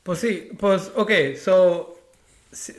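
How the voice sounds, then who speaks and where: A man's voice: high-pitched, fairly even intonation, very slow, darkish tone. A man in casual chat who argues with statistics, mixing English words in and asking ¿verdad?.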